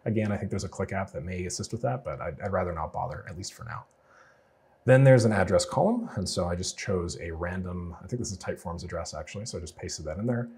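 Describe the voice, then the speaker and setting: In this screen-share tutorial, an automation freelancer teaches a client build at a rapid clip. His voice is deep, husky and darkish in tone, hoarse from a cold he's recovering from, and his delivery is animated, casual and explanatory, full of fillers.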